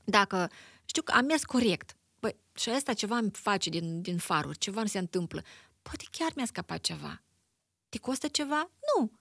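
A woman psychologist, a guest in a conversational interview, explaining in an expressive, animated way and acting out everyday examples. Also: medium pitch, vocal fry, breathy edge, dry recording, studio quality.

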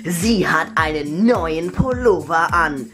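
A woman's voice: low-pitched, expressive, takes it slowly, a bit bright, faint music behind. A woman giving matter-of-fact voice-over narration for a comedy sketch show.

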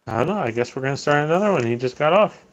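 A man's voice: fairly high pitch, animated, rapid-fire, lo-fi sound. Laid-back young man chatting over game. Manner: laid-back banter, some swearing. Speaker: gaming teammate. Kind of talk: casual gaming chat.

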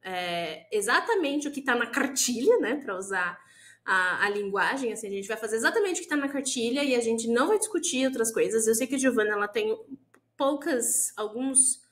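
A Brazilian woman teacher with a Brazilian Portuguese accent, co-hosting a podcast in casual chat, animated and acting out quoted voices. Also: fairly high pitch, normal speed, reverberant. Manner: animated, acts out quoted voices, laughs often.

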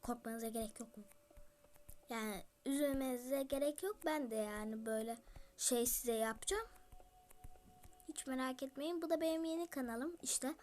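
A woman's voice: sits high, normal speed, long pauses, darkish tone. A female YouTuber giving chatty game commentary, talking straight to her viewers and slipping into whispered asides. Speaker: gaming YouTuber.

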